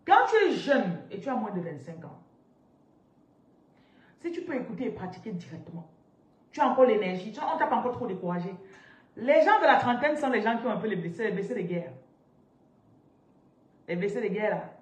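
A woman in her thirties leads a spiritual coaching session on a live stream, talking with energy and answering her viewers. Her voice sits at a middle pitch. The room adds a noticeable echo, she is a little far from the phone mic, and a faint hiss runs underneath. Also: fairly quick, long pauses. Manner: animated, interactive, reads out viewer comments. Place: indoors, seated on a large ornate chair. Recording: roomy echo, somewhat distant from mic, faint noise.

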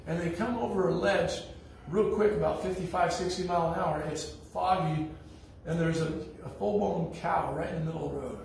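A man's voice: on the high side, steady tone, fairly quick, gravelly, hardly any pauses, darkish tone, a little hiss or hum. A man preaching a sermon as pastor, telling stories in a blunt, folksy way. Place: church sanctuary. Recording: echoey church hall from far off.

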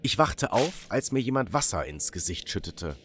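A man narrating a dramatic first-person story for an animated storytime video. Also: fairly low pitch, normal speed, a little hiss or hum.

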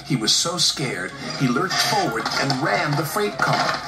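Storybook narrator, man, lively expressive reading, roomy echo, music underneath. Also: on the high side, measured pace. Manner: expressive, animated voice acting.

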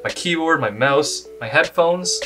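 A man's voice: fairly high pitch, animated, a little slow. Young man chatting casually over music. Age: young adult. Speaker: host of a reaction challenge video. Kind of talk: casual vlog chat. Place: small indoor desk setup. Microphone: desk mic near the speaker.

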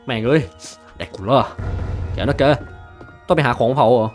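A young man giving casual gameplay commentary, bursting into loud, swearing, excited yells. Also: medium pitch, moderate pace, soft background music. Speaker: gaming video host.

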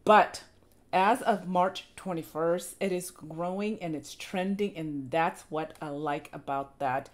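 A woman's voice: on the low side, slow pace. Enthusiastic woman with a fading voice. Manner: enthusiastic, gushing praise. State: losing her voice, clearing throat. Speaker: reaction video host. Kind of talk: casual reaction commentary.

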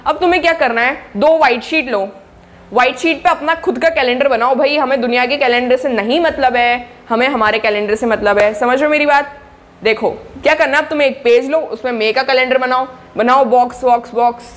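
A young woman with a fairly high, slightly bright voice coaches board exam students as a study-tips YouTuber. She talks casually to camera in a chatty, encouraging way, checking in with the viewer constantly.

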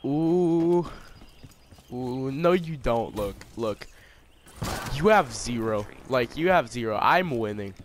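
Guy trash talking in a shooter game, bouncy sing-songy taunts, slow drawn-out delivery. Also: medium pitch, lively intonation, a little hiss or hum. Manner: taunting, mocking, jokey insults. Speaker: online gamer trolling an opponent.

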